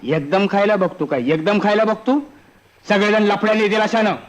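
A man's voice: high-pitched, brisk, lightly acted. A man playing a sly, chuckling village thief. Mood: scheming, chuckling. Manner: chatty, laughing, wheedling and bossy. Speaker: scheming village thief in a film comedy.

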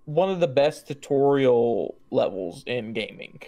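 Gravelly, jokey man gaming with friends. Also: mid-range voice, animated, a little slow, dark tone. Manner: jokey, playful, slips into silly put-on voices. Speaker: guest player. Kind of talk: casual chat while gaming.

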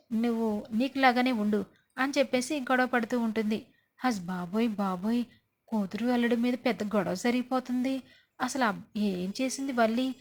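A woman casually recapping a TV serial episode, acting out the characters' lines as she goes. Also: on the high side. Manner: lively, acts out characters' lines.

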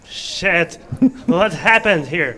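A man's voice: high-pitched, animated, very slow, bright, forceful tone, full character voice. Man playing a whiny dramatic teen girl. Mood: complaining. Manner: complaining, whiny. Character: overdramatic unemployed teenage girl. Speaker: tabletop game player.

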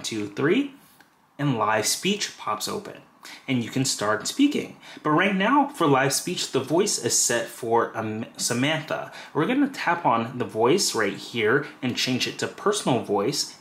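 A man's voice: mid-range voice, a bit bright. Man explaining a phone tutorial, roomy echo. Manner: casual, step-by-step, with fillers like "you know". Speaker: tech tutorial presenter. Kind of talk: screen-recorded how-to walkthrough.

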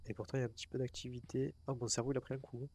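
A man's voice: mid-range voice, level tone, racing, darkish tone, husky, no room sound. Chatty man narrating his gameplay. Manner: chatty, talks to himself and to the ghost, swears casually. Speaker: gamer. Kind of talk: casual let's-play commentary.

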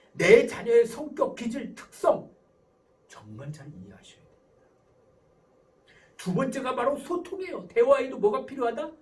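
A man's voice: extremely high pitch, recorded from a distance, low-quality recording. A man lecturing to parents, asking questions and answering them himself. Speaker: professor giving a parenting lecture.

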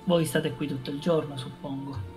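A man playing a tabletop role-playing game, speaking casually and deliberately in character. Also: fairly high pitch, steady tone, over music. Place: indoor room, online group stream.

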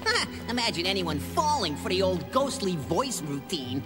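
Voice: medium pitch, big pitch swings, normal speed, lightly acted. An actor voicing a scheming, cowardly rat thief in a cartoon. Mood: gloating. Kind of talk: cartoon voice acting. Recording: loud music behind.

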